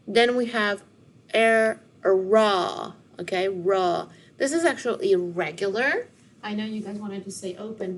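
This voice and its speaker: A woman teaching a phonics lesson to children, slowly and clearly splitting words into syllables. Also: medium pitch, slight background noise. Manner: slow, clear over-enunciation of syllables.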